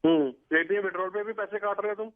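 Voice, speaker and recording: A man's voice: sits high, fast talker, dry recording, narrow, tinny audio. Complaining man on the phone. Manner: complaining, annoyed. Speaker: prank call target.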